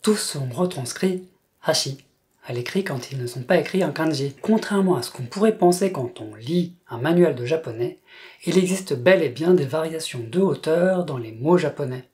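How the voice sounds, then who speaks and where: A speaker from France narrating a scripted language lesson in a measured, explanatory way. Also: medium pitch, lively intonation, a little mellow. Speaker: language teacher.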